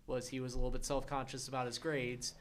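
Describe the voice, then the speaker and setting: Young man, steady podcast talk. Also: medium pitch, fast talker. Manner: steady, explains with sports analogies. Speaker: podcast co-host. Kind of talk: casual chat.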